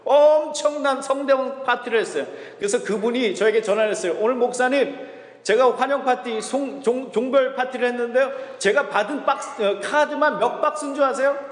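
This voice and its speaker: A man's voice: very high voice, fairly quick. A male pastor preaching a sermon, telling a story and acting out the people's words. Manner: storytelling preacher, acts out quotes. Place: church sanctuary. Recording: echoey church hall.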